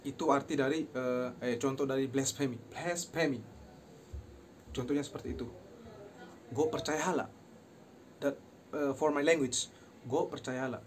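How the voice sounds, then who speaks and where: A young man, a university student, giving a recorded class presentation, explaining terms and then slowly repeating how each phrase is pronounced, mixing in short English phrases. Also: medium pitch, steady tone, slight background noise.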